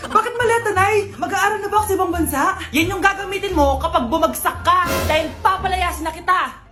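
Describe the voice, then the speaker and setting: A woman's voice: very high voice, fast, echoey room, over music. A woman acting out family comedy skits, switching between a mother and her children. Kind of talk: comedy skits playing several roles.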